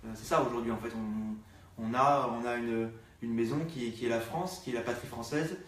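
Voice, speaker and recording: A man, a party activist, speaking in a live political discussion, halting with many fillers. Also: medium pitch. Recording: distant echoey room sound.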